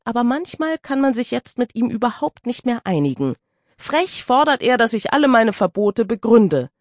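Brief: a woman narrator, dry studio sound, expressive and animated reading. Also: on the high side, moderate pace, no echo. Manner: expressive, lively storytelling. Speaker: audiobook narrator. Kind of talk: audiobook narration.

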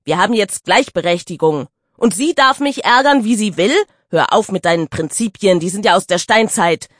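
A woman voicing a hot-tempered teenage boy who grumbles and protests loudly. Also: medium pitch, lively intonation, moderate pace, dry recording, studio quality, natural voice. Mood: angry. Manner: loud, angry, grumbling.

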